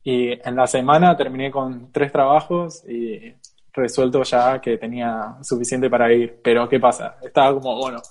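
A young Argentine man with a Rioplatense accent, casually telling a lively travel anecdote, laughing often and acting out the people in his story. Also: medium pitch, moderate pace. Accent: Rioplatense Argentine Spanish. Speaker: guest storyteller.

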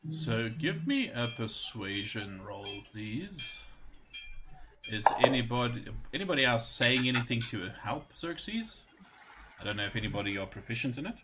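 A man narrating a tabletop role-playing game as game master, relaxed and often laughing. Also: medium pitch, moderate pace, very noisy.

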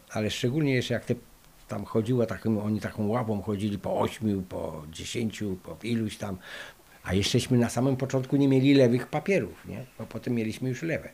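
An older Polish man, interviewed for an oral history, tells lively stories full of fillers. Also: medium pitch, vocal fry. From Poland. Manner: lively anecdotal storytelling with many fillers. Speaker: interviewee recalling the past.

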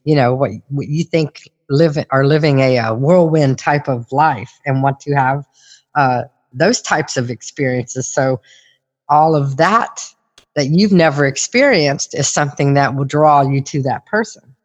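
A woman's voice: very deep voice, measured pace, in a large hall, dull audio. A woman host chatting casually, explaining things in a conversational way. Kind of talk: casual chat explaining studies.

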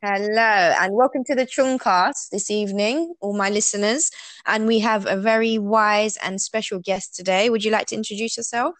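A woman hosts an online podcast, greeting and questioning her guest in polite, formal phrasing. Her voice sits at a middle pitch. It comes through a dry, close recording with no room sound. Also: moderate pace, no room sound. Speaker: podcast host. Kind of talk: casual interview hosting.

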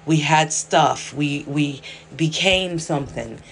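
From South Central Los Angeles, this hoarse woman runs a solo podcast, delivering a casual monologue that rambles, chats, and keeps interrupting itself. She has a deep voice, a slow pace, and a fairly bright tone, with a space heater's faint whirring noise in the indoor room behind her.

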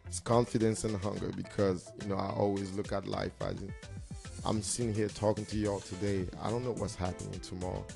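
A man's voice: fairly low pitch, little pitch movement, brisk, creaky, over music. A man telling stories in a casual interview as a DJ and hype man, confident, boastful and slangy. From Cameroon.

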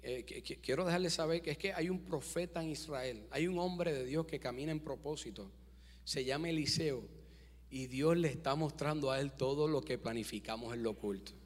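A man's voice: a little high, moderate pace, big-room sound, voice pushed down, natural voice. A man voicing a nervous male servant of a king who stammers and hesitates, in a sermon.

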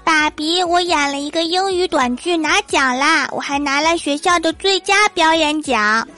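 A woman voicing a cheeky, scatterbrained young schoolkid in a high, whiny, bratty voice. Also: unhurried, pushed and bright, exaggerated voice. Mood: proud.

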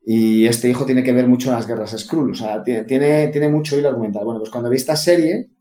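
A man's voice: medium pitch, brisk, warm tone. Enthusiastic man in an echoey room. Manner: enthusiastic, storytelling. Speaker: podcast co-host. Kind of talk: casual chat about comics. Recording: echoey room with faint music.

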